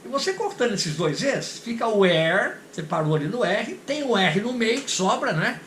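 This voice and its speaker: A man whose first language is Portuguese, teaching English pronunciation and repeating example phrases slowly and patiently. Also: high-pitched, big pitch swings, a bit bright. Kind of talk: recorded English pronunciation lesson. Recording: echoey room with faint noise.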